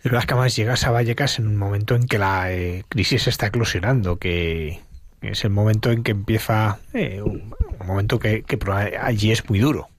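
Male interviewer, low pitch, dry sound, halting questions. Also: no echo. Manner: hesitant, prompting with fillers.

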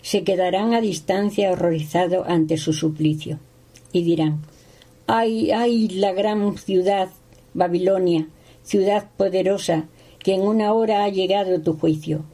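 A woman reading a Bible passage aloud at a steady pace, sometimes stumbling on a word. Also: on the low side, a little slow, rough recording. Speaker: scripture reader.

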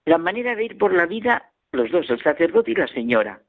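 A man's voice: on the high side, big pitch swings, fairly quick. A man giving a reflective radio homily and telling anecdotes as a preacher. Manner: reflective, storytelling. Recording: phone-like radio sound.

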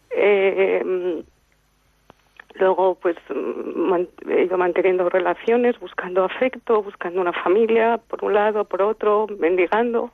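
A caller in her fifties speaks over a thin, tinny phone line, her voice gravelly and dry. She talks nervously and earnestly, pausing often as she tells her story. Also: on the low side, dry recording. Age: 50s. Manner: halting, earnest, many pauses and fillers. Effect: heard over a phone line. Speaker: radio caller. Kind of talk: personal testimony on a call-in show.

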